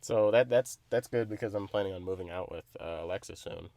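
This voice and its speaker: A young man co-hosting a podcast in casual chat, swearing freely, animated and laughing often. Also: deep voice, a little fast, dry recording. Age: young adult. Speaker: podcast co-host.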